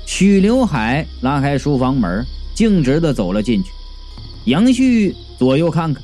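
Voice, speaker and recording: A man narrating a comic story in the first person, with a voice that leaps wildly up and down in pitch. His tone is mellow and warm rather than bright, and the delivery stays chatty and playful. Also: measured pace, soft background music. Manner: chatty, playful, with sudden lively swoops. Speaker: audiobook narrator.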